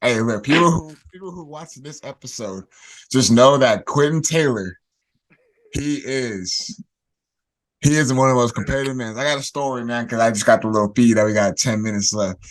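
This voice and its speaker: A man hosting a casual podcast, emphatic and animated, often repeating words as he talks. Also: medium pitch, normal speed. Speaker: podcast host.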